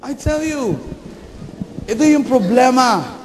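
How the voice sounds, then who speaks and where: A middle-aged male pastor giving a sermon, telling animated stories and acting out the voices of the people in them. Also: very high-pitched, takes it slowly, slight background noise. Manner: animated, acts out quoted voices. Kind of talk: Taglish sermon storytelling. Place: church sanctuary. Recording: reverberant church hall.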